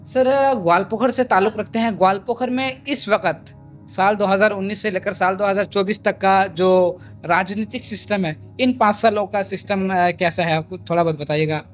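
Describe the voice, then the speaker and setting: Polite high-voiced male interviewer. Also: normal speed, soft background music. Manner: polite, addresses guest as sir, many hesitations. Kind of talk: interview questions.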